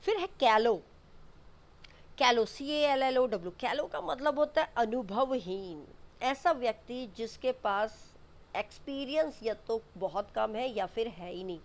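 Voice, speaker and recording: A woman's voice: fairly high pitch, animated, unhurried. A woman teaching English vocabulary for exams, explaining each word patiently, spelling terms out and repeating them. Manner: mixes Hindi explanations with English definitions. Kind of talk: exam vocabulary lesson.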